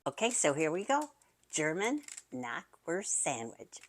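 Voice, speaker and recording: A woman's voice: deep voice, sing-song, unhurried. A woman hosting a home cooking video, chatty and enthusiastic, talking straight to her viewers as she shows a recipe. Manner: enthusiastic, chatty, addresses viewers as you guys. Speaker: cooking channel host. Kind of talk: casual recipe demonstration.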